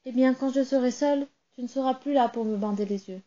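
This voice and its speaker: A woman doing a squeaky little magic doll, muffled. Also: brisk, mellow, close to an everyday voice. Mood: coaxing. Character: small magical female rubber doll, polite, clever.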